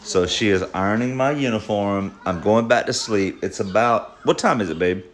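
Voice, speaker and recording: A man's voice: on the low side, normal speed. Rambling, joking man. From United States. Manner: rambling, joking, repeats himself. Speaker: vlogger. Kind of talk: casual home vlog. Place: home.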